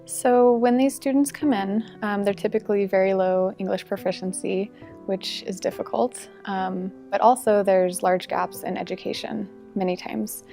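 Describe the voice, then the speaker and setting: A woman teacher speaks in a steady, explanatory way, and her voice has a noticeable gravelly fry. A soft music bed runs quietly beneath her. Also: mid-range voice, moderate pace. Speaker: English-as-a-second-language teacher. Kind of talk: interview testimonial.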